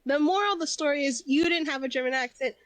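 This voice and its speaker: A woman's voice: high-pitched, fast talker, low-quality recording. A woman co-hosting a podcast, telling anecdotes in casual chat and laughing often. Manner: laughs often, chatty storytelling. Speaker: podcast co-host.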